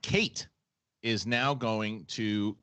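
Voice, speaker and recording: Low-voiced man hosting, dry sound. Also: extremely slow, a bit bright, clean tone, no room sound. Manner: repeats phrases as he explains. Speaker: live show host. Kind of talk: casual live-stream talk.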